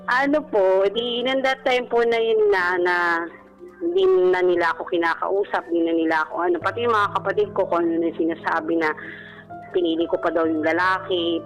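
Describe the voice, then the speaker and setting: This radio caller, a woman in her thirties from the Philippines, tells a personal story in a respectful, conversational manner, often adding polite particles. Her fairly low voice comes through with lo-fi sound over the show's background music.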